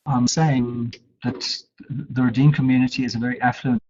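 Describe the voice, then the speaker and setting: Husky man on a dropping-out call line. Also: medium pitch, level tone, a little mellow. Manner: halting, with many restarts and fillers. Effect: choppy audio dropping out, uneven volume. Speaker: conference speaker. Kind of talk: unscripted conversation over an online call. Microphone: video call. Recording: dull lo-fi call audio.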